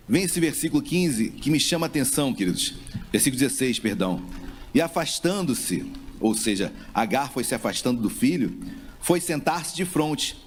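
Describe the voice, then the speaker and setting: A man's voice: medium pitch, slight background noise. A man preaching a sermon as pastor with a Brazilian Portuguese accent, speaking with passion and voicing a grieving mother's words. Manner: impassioned preaching, acting out a mother's voice.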